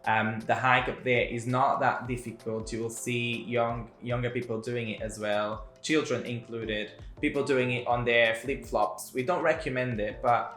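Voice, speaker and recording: A man co-hosting a travel vlog in casual chat, easygoing and quick to laugh. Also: medium pitch, steady tone, fairly bright tone. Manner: chatty, laughs often, fillers and restarts. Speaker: travel vlogger co-host. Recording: echoey room with faint music.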